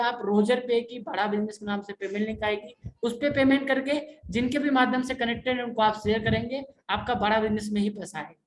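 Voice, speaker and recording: A man, a business consultant, answering viewer questions in an insistent, repetitive sales pitch and often calling the listener sir. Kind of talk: persuasive sales talk in a live Q&A. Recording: echoey room with faint noise.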